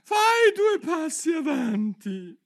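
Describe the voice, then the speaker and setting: A man voicing a bossy, boisterous male griffin in a storybook reading, loud and exclamatory. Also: on the high side, animated, normal speed, voice pushed up.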